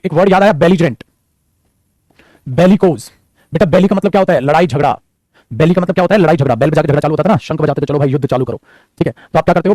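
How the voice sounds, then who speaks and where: Male teacher for an online vocab class, slightly high voice, rapid and repetitive delivery. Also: warm tone, no room sound. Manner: rapid, repeats phrases, calls students "beta".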